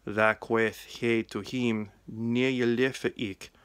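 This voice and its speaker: Slow, clear man reading Old English scripture. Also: mid-range voice, steady tone, fairly bright tone, dry recording. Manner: measured, deliberate recitation in Old English pronunciation. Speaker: reader. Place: small indoor room. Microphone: phone at arm's length.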